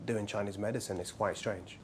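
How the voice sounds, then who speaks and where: Brisk and steady in tone, with a fairly low pitch, this Englishman in his 40s practices Chinese medicine. Interviewed at his clinic, he talks casually about his work and adds touches of humor.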